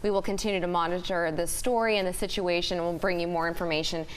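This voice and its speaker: A woman's voice: on the low side, steady tone, fast talker, slight background noise. A woman with an American accent delivers breaking news as a television anchor.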